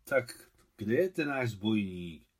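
A man reading an audiobook, voicing a gruff, uneasy middle-aged father who speaks curtly. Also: on the low side, very animated.

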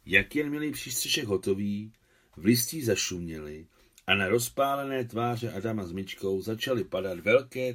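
A man, the book's translator, calmly reading his translated novel aloud. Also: on the low side, husky.

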